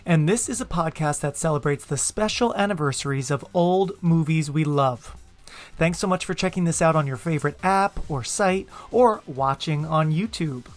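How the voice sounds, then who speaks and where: Campy American male podcast host. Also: a little high. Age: 30s. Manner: playful, campy. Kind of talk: upbeat podcast intro and casual chat.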